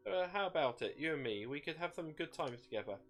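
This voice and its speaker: Man voicing a gleeful, mocking demon, pitched up. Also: lively intonation, brisk, fairly bright tone, faint music behind. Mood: wheedling, gleeful. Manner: mocking, cackling, wheedling folksy slang. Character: gleeful bloodthirsty male demon shade possessing a woman. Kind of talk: dramatic storytelling character voice.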